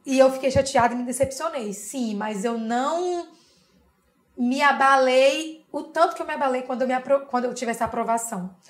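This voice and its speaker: A young Brazilian woman, an interview guest, telling a personal story in a lively way and often adding tag questions. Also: fairly high pitch. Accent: Brazilian Portuguese.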